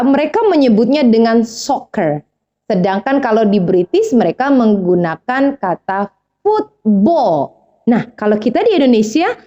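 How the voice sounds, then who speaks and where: Chatty woman teacher, mellow voice. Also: a little high, highs cut off. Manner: chatty, asks viewers questions and answers them herself. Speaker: English teacher. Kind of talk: casual video lesson.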